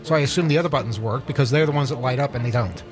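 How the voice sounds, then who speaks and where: A man's voice: medium pitch, rapid-fire. Rambling male radio host over a music bed. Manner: rambling, self-deprecating, stumbling restarts. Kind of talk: casual on-air banter. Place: radio studio.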